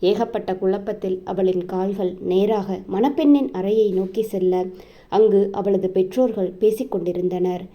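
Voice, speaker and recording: A woman narrating a romance novel as scripted storytelling, in a steady manner. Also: medium pitch, moderate pace, highs cut off.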